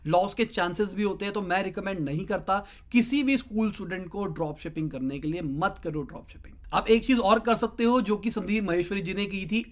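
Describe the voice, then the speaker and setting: A young man talks casually, giving advice in a clip. He speaks straight to the viewer in a chatty, conversational way, slipping in quick asides as he goes. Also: high-pitched. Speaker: digital marketing YouTuber giving advice.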